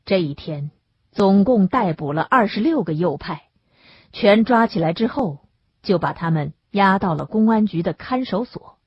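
A woman narrates an audiobook with expressive, lively intonation and a strongly husky, breathy voice. The recording is dry and close, with a dull lo-fi sound. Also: medium pitch, moderate pace, dry recording. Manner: expressive storytelling.

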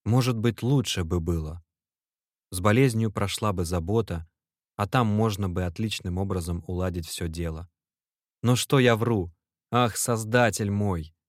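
A man's voice: fairly low pitch, unhurried, no echo, studio quality, natural voice. A man voicing an anxious, devoted young male clerk who pleads and cries out to his friend. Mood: anguished. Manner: pleading, agitated, shouting.

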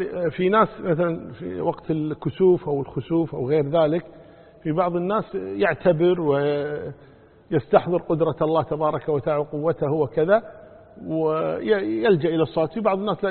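A sheikh teaches a religious lesson in a husky, fairly high voice, repeating his points and checking that his listeners follow. The sound is thin and phone-like, with a long hall reverb trailing each phrase. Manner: explains patiently, repeats key points, quizzes listeners. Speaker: sheikh answering religious questions. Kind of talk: religious lesson and fatwa answers. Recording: tinny lo-fi recording in a reverberant hall.

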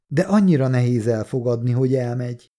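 Brief: exhausted young daughter, faltering and tearful, read by a man, audiobook, mellow tone. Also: mid-range voice, close to an everyday voice. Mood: weary, tearful. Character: young woman, distressed daughter, worn out.

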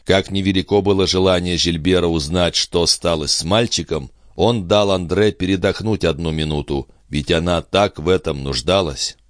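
A man narrating an audiobook in a measured, expressive reading. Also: low-pitched, dry recording, clean studio sound.

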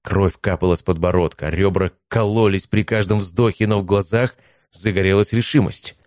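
A male narrator reads a fantasy novel in a steady, even way. His voice sits very low. The recording is dry and close, with no room sound. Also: normal speed, dry recording.

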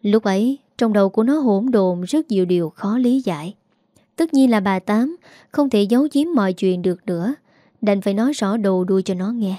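A woman with a Southern Vietnamese accent reads a story in a calm, measured way. Her voice is warm and mellow at a middle pitch, recorded close and dry. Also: no echo. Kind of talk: scripted narration.

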